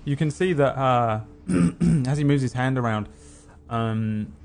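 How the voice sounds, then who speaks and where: A man narrating a tabletop game as game master, haltingly searching for words. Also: medium pitch, gravelly, a little mellow.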